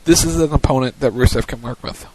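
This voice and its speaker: Male co-host, wrestling recap, mid-pitched voice, play-by-play calling, radio show. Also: fast, darkish tone, low-quality recording. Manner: plays matches like a commentator. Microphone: studio mic on a web radio show.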